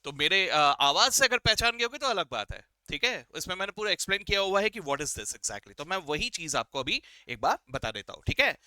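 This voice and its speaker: A male accounting teacher with a high, very bright voice, teasing his viewers with quiz questions and answering for them. He slips English phrases into his lecture. The sound is clean and dry, close to the mic. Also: sing-song, a little fast, few pauses, smooth, no echo. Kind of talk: classroom-style lecture.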